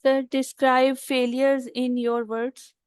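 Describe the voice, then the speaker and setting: A woman's voice: sits high, level tone, slow, darkish tone, smooth, no room sound. Polite, hesitant woman interviewer. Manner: polite, hesitant, addresses guest as sir. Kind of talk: interview questions.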